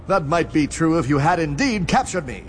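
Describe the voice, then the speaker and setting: Earnest, pompous superhero for cartoon parody: slightly high, lively pitch, faint background noise. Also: male voice, moderate pace. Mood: straining bravado. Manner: pompous, declamatory, wordy. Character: pompous, earnest, dim-witted male superhero. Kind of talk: superhero cartoon parody audio drama acting.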